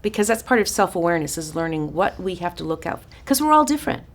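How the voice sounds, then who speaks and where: A woman teaches a counseling class in a casual, chatty way, stopping and restarting her sentences as she goes. Her voice is raspy and gravelly, sitting a little low. A faint hum of room noise is heard behind her. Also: very animated, fast. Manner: chatty, warm-hearted asides with frequent restarts and fillers. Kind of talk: informal teaching talk to a small group.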